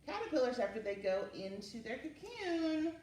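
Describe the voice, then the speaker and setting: A woman with a high, sing-song, slightly mellow voice hosts a children's story time and craft session at normal speed. She talks young children casually and encouragingly through each step, picked up by a distant mic in a roomy space with faint noise.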